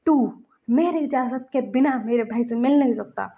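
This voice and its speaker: A woman's voice: high voice, moderate pace, mellow, lo-fi sound. A woman voicing a hot-tempered young man who scolds and threatens to protect his younger brother. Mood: angry, protective.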